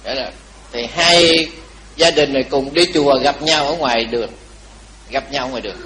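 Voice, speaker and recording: A man giving a Buddhist dharma talk, telling a story lively and asking the audience questions. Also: medium pitch, normal speed, low-quality recording. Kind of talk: storytelling sermon.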